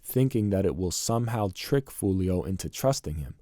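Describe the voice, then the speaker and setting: A man narrating scripted commentary in an indignant, deliberate tone. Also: deep voice, animated, dark tone, no room sound, studio quality.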